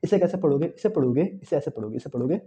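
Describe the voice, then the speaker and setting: A young man giving an animated exam-prep math lecture, repeating key phrases and talking to students as friends. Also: fairly high pitch, quick pace. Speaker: math teacher.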